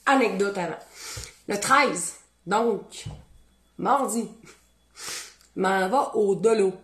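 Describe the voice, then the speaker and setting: A woman with a Beauce Quebec French accent hosts a casual cooking show from her home kitchen. She talks to viewers in a chatty, animated way as she tastes her food, with a voice of middling pitch. The kitchen sounds echoey, with dishes and pans clattering behind her.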